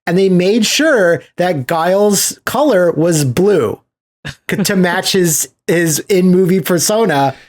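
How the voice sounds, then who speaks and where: This man has a high voice and a slow pace. Co-hosting a podcast, he chats loosely and tells stories eagerly, acting out people's reactions and swearing casually along the way.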